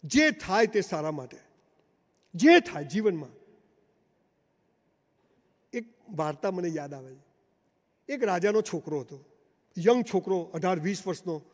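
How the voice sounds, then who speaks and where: High-voiced man speaking in a reverberant hall. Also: big pitch swings, unhurried, pauses often. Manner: emphatic storytelling, addressing the crowd directly. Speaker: motivational speaker. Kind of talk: live motivational seminar speech. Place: large seminar hall before an audience.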